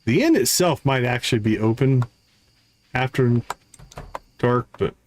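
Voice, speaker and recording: A man with a mid-range voice gives casual live gameplay commentary as a streamer and gaming host, animated but unhurried. He thinks aloud, counting off items and talking through his tasks.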